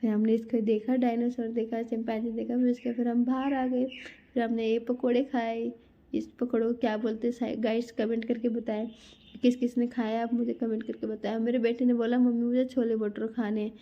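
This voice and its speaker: A woman's voice: on the high side, level tone, a little fast, highs cut off. A woman in her thirties telling a family outing story in a chatty casual vlog, talking straight to her viewers. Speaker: vlogger.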